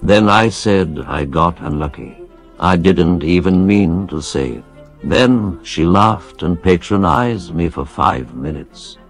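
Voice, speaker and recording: A synthetic male text-to-speech voice reading donation messages in a flat, deadpan recital. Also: sits low, slow, faint music behind.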